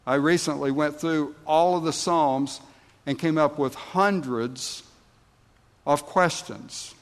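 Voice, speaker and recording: In a big, reverberant church hall, a male pastor with a slightly high voice preaches at an unhurried pace. He weighs his words and pauses, then bursts into emphatic lines.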